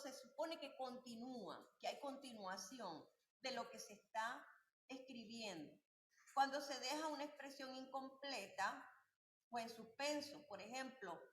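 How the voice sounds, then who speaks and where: A woman's voice: a little high, fairly bright tone. Woman teacher lecturing in an echoey room. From Venezuela. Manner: explains patiently, with rhetorical questions to students. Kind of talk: recorded class lecture.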